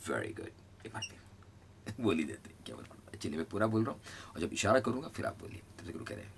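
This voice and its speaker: A middle-aged man teaching an English lesson, slowly drilling phrases between chatty asides. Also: low voice, big pitch swings, gravelly, a little hiss or hum. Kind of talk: spoken English lesson in Hindi.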